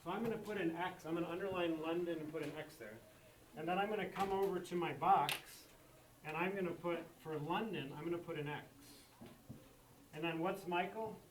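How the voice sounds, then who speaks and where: A man's voice: fairly high pitch, a little fast, noisy background. A man teaching a math lesson to a class, repeating key points and checking that students follow. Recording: echoey classroom from far off.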